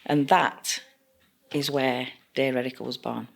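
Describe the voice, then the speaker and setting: A woman's voice: a bass voice, fairly even intonation, a little slow, vocal fry. Chatty woman, nurse team leader. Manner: chatty, homely storytelling. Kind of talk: podcast interview.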